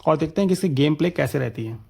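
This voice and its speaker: A man casually talking viewers through a gaming setup tutorial, chatty and excited, calling them friends. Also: on the high side, quick pace, gravelly, breathy edge. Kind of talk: casual screen-recorded tutorial commentary.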